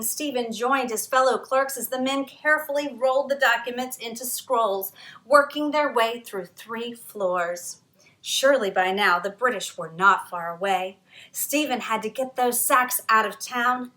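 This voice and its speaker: The author's voice is bright and somewhat high as she reads her children's history tale aloud for storytime. She adds lively stress and dramatic pauses, all captured in a room full of echo.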